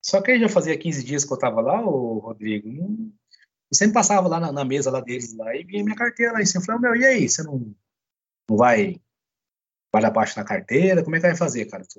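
A man's voice: on the high side, fast, slightly rough, dull audio. A man with a Brazilian Portuguese accent, a podcast guest casually telling a personal story and acting out the dialogue of others. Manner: animated, quotes others in dialogue, frequent "cara" and "né".

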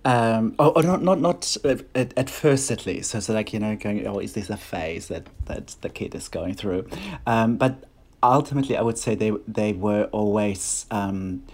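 In a casual interview, a guest choreographer and dancer, a middle-aged man with a German accent, chats in English, his second language. He's hesitant, often restarting phrases and leaning on fillers, speaking at a normal speed in a fairly low, slightly mellow voice.

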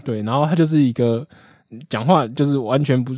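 Fast, joking man on a podcast. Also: medium pitch, mellow, dry recording, studio quality. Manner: fast, joking, laughs often. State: about to cough. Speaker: podcast co-host. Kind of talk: casual podcast banter.

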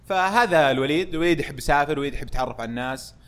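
A young man chats as a podcast guest, loud and full of laughter. He talks very fast in a slightly high voice. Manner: loud, lively, laughs often. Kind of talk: casual chat.

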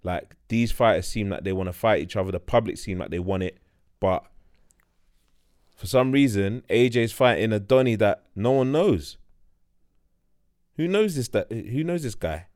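Casting: man with London roadman accent, low voice, slangy casual podcast banter, recorded dry. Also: expressive, normal speed, pauses often, a little mellow, dry recording. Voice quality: roadman slang-heavy speech. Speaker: podcast co-host. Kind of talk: casual chat. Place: studio.

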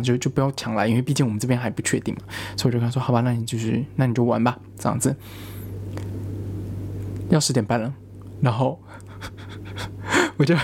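A man's voice: medium pitch, darkish tone, husky. A young man, a student, telling a rambling personal story in casual chat, with frequent restarts.

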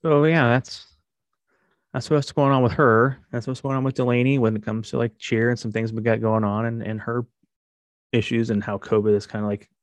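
A man's voice: medium pitch, fairly even intonation, normal speed, dry recording. A middle-aged man, a podcast host, talking in a casual, rambling monologue full of fillers. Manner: rambling, conversational with many fillers.

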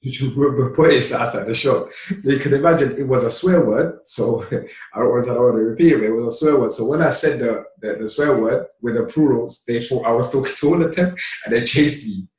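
A man from Somalia, a podcast guest, telling stories from his childhood in a relaxed, chatty way with lots of laughter and fillers. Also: mid-range voice, a little fast, few pauses. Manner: relaxed, laughs often, many "you know" fillers. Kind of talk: casual storytelling. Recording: roomy, distant mic.

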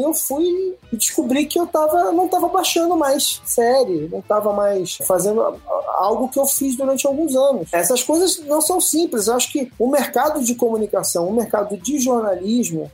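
A woman with a Brazilian Portuguese accent, a podcast panelist talking in an animated, emphatic way and often tagging questions onto her sentences. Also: on the high side. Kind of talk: casual podcast discussion.

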